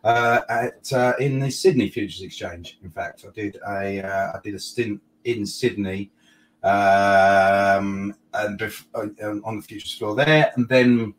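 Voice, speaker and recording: A man's voice: on the low side, steady tone, takes it slowly. A middle-aged man with an Essex accent, chatting casually as an interview guest in a hesitant, matey way. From Essex, England. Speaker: guest, technical analyst. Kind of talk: casual reminiscing chat. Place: garden office shed. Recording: clear background noise, room ambience.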